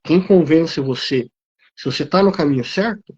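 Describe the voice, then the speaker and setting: A man's voice: fairly high pitch, normal speed, darkish tone, husky, highs cut off. A man giving an emotional testimony on a live theology talk, preaching in rising waves of emphasis. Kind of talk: impassioned testimony.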